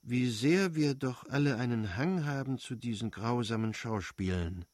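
A man reading the lines of a stiff, formal husband in an audiobook, measured and correct. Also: mid-range voice, animated, darkish tone, dry recording, studio quality, natural voice.

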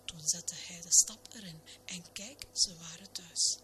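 Whispered storybook reader, woman, gentle, noisy recording. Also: lowish voice, a little slow. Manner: soft, hushed, gentle delivery.

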